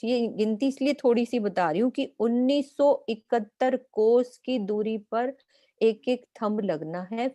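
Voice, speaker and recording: A woman speaks as a spiritual teacher, patient and methodical as she points out details one by one. Her voice is warm and mellow. The recording is close and dry. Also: medium pitch, no echo. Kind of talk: explanatory lesson.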